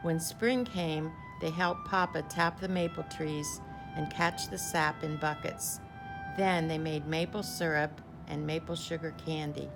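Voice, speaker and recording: With a low voice and a steady tone, a woman reads a children's picture book like a teacher, phrasing everything clearly in a measured, deliberate storytelling style. Music plays underneath her.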